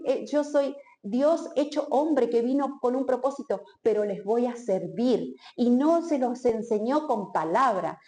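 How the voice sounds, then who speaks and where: Woman preacher, expressive, repeats for emphasis; echoey church hall. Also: on the high side. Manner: expressive, acts out quotes, repeats phrases for emphasis. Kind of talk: sermon.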